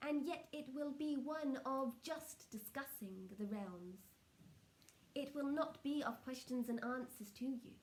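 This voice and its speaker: A woman speaking as a trance channelling seance medium, solemn and measured, delivering spiritual messages in short halting phrases. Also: high voice, expressive, rough recording.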